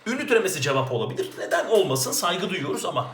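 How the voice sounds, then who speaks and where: A man working through exam grammar questions as a teacher, asking questions and answering them himself in a lively way. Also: sits high, fast talker, a little hiss or hum. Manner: lively, talks to himself, asks and answers his own questions. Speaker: Turkish language teacher. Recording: roomy echo.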